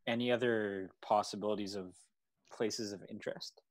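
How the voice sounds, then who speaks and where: A man's voice: lowish voice, fairly even intonation, normal speed, dry recording. A man playing a tabletop game, asking one eager question after another. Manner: asks many eager questions. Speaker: player.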